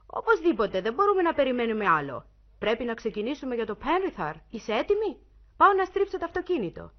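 An agitated, hurried husband played by a woman reader. His lines come out urgent and pushed up high and loud. The recording is muffled and lo-fi. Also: big pitch swings. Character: anxious middle-aged husband, hurried and worried.

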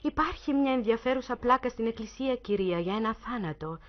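A soft-voiced old fisherman voiced by a woman who speaks politely but with an ominous edge. The recording is muffled and lo-fi. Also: on the high side, lively intonation, lightly acted. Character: soft-spoken old village fisherman, knowing.

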